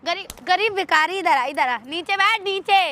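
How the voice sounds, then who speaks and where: Actress doing a domineering young landlord's daughter for a web skit; sharp, very high, taunting. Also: female voice, moderate pace, slight background noise. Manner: taunting, bullying, switching to coaxing. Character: bossy young landlord's daughter, threatening and pushy.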